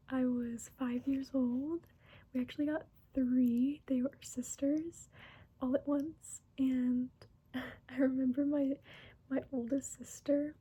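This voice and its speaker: A woman in her twenties chatting in a soft whisper for an ASMR get-to-know-me video, unhurried and giggly, close to the microphone. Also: sits high, slightly rough, poor audio. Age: 20s. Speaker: ASMR creator. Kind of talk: soft-spoken ASMR chat.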